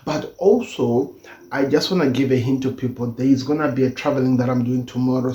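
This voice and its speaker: A man gives football reaction commentary in a soft-edged, mellow voice, speaking a little awkwardly as if around a toothache. He stresses points by repeating phrases. The recording is dull and echoes off the room. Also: mid-range voice. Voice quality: slightly impeded speech from a sore tooth. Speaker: football channel host.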